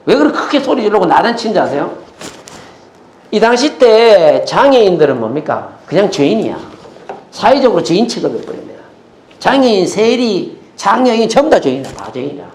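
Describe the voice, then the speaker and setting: A male pastor preaching a sermon, animated, often putting questions to the congregation. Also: high-pitched, brisk, roomy sound, a little hiss or hum. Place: church.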